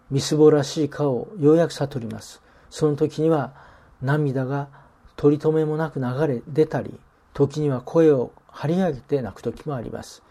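A man gives a sermon in a mellow, warm voice. His preaching is earnest and measured, and he leans on important phrases by slowing down. His pitch sits in an ordinary middle range for a man. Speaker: pastor.

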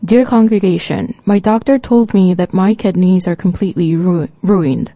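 An anxious senior pastor played by a woman preacher pleads earnestly with his flock, halting over his words. The tone is mellow and soft. The sound is dry and close. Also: on the low side, no echo. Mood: pleading.

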